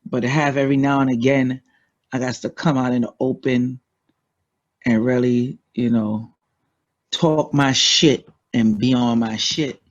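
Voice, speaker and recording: A man's voice: medium pitch, steady tone, a little slow, muffled recording. A man with a Trinidadian accent, a guest talking bluntly and casually, swearing freely. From United States. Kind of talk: casual interview talk.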